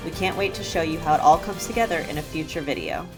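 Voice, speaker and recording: Woman vlogger, low voice, chatty and playful, background music. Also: animated, fast, vocal fry. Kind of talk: casual vlog narration and chat. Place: RV campground, indoors and outdoors.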